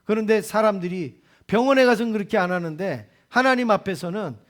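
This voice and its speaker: A male pastor delivers a sermon with a notably high voice for a man. He preaches with emphasis, pressing rhetorical questions on his listeners. He is speaking in a church. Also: animated, brisk, fairly bright tone. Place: church sanctuary.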